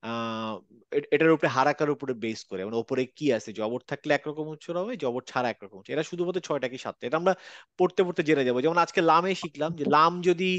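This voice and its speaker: A man's voice: on the high side, fast talker, a bit bright, no echo, muffled recording. A man teaching Quran letter pronunciation in an online class, patiently repeating each sound. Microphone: video call.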